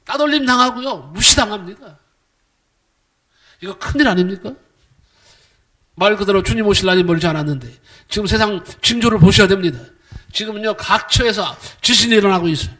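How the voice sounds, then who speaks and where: Man, middle-aged, pastor, emphatic sermon, rhetorical questions, high pitch, bright tone. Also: a little fast, long pauses. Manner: acts out quoted voices with sudden swings in loudness.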